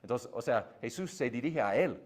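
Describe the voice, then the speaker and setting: A man's voice: mid-range voice, animated, moderate pace, a little mellow. English-native man teaching Bible class. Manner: explanatory, frequent "¿no?" tag questions.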